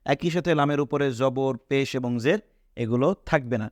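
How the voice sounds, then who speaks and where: A man's voice: mid-range voice, moderate pace, no echo, clean studio sound. A man teaching a Quran reading class, patiently repeating each point and answering his own questions. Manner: mixes a few English words into his teaching. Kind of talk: online class lesson.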